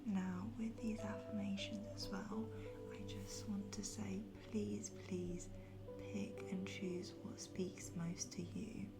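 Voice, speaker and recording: A woman softly whispering an ASMR guided pep talk of affirmations in a gentle, reassuring, unhurried and breathy way. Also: mid-range voice, flat delivery, low-quality recording. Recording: music behind the voice. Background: music.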